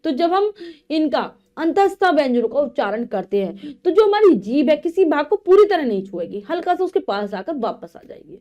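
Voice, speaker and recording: A woman teaching a grammar lesson to children. She reads out definitions, re-explains them in simple words, and spells out letters and examples slowly. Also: sits high, sing-song, mellow. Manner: slow, drawn-out recitation of letters and examples.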